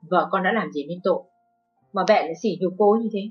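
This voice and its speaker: A woman voicing a protective young husband who speaks loud and firm to his parents in a narrated story. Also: fairly low pitch, brisk, lightly acted. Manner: firm, raised. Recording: dull lo-fi with faint music.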